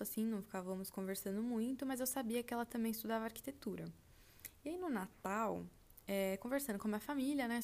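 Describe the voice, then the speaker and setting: A woman's voice: on the high side, a little mellow. A woman of about twenty, from Brazil, chatting casually on her podcast and telling listeners about her trip, full of fillers. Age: turning 20. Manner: chatty, lots of fillers like "tipo assim", addresses listeners as "gente". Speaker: podcast host.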